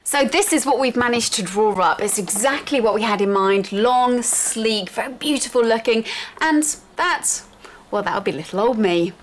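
A young woman co-presenting a TV gadget show and narrating it in a bubbly, excited way. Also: fairly high pitch, moderate pace, a little hiss or hum. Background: backing music.

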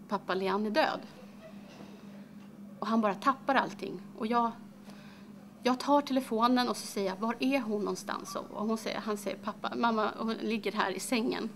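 Brief: a woman playing a grieving middle-aged mother in a dramatic monologue, creaky and halting, over a noisy hiss. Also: medium pitch, fairly even intonation, close to an everyday voice. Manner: halting, hesitant, many pauses and fillers. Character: grieving mother, middle-aged, recalling her daughter's death. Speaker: actress performing a monologue.

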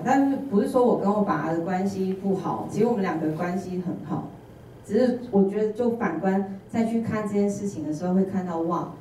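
A woman with a Taiwanese Mandarin accent delivers a sermon with mellow, low warmth, bringing it to life through funny personal anecdotes. Her voice comes from a distance across a very echoey church hall, with faint ambient noise underneath. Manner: animated storytelling with humorous personal anecdotes and acted-out dialogue. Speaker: intern preacher. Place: church sanctuary.

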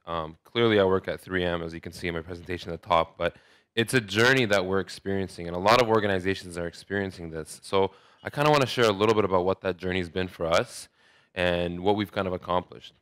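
Bright-toned man giving a conference talk. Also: low voice, fast talker, smooth, no room sound, studio quality. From Saudi Arabia. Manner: conversational, many restarts and fillers. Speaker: conference speaker. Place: large hotel ballroom, indoors.

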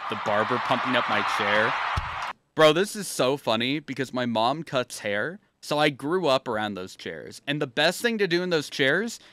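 A young man giving casual, animated livestream commentary as a streamer, blurting short reactions and repeating himself on a close desk mic. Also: mid-range voice, normal speed, a little hiss or hum. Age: young adult. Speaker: streamer reacting to meme videos. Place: small room at home, indoors. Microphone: close desk microphone.

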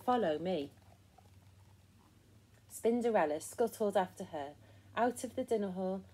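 Expressive woman reading a children's book. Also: mid-range voice, normal speed, husky. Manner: gentle, expressive, encouraging. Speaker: storyteller for children. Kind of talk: children's picture book read-aloud.

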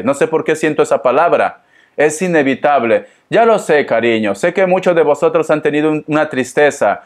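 A man giving a chatty tarot reading who keeps calling the listener darling. He speaks from home, in a hot room with a fan running. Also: a little high. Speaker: tarot reader.

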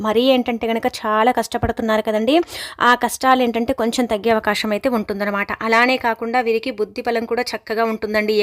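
A woman's voice: a little high, fairly bright tone. A woman hosting an astrology channel, explaining a horoscope forecast in a conversational way with many fillers. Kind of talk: horoscope prediction talk.

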